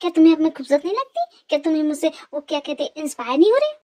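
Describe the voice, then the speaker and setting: A woman's voice: high voice, big pitch swings, rapid-fire, mellow. A woman voicing a vain, spoiled young college girl in a fan dub drama, teasing, pushy and boastful.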